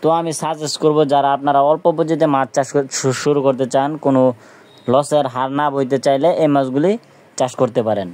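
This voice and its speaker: A man with a Bangladeshi Bengali accent who hosts a fish farming channel, explaining fish farming to viewers and selling fish fry. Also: brisk. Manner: steady explanatory address, repeats "viewers"; sales pitch for fish fry. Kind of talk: informal video talk to viewers.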